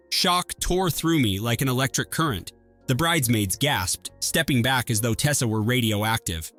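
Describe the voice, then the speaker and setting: A man telling a first-person story in an even, measured scripted narration. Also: mid-range voice.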